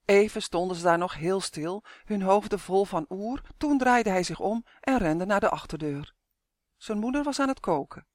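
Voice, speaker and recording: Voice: medium pitch, moderate pace, no room sound, clean studio sound. Voorlezer van een kinderboek, rustig, gelijkmatig, droge opname. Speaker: audiobook reader. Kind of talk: children's book narration.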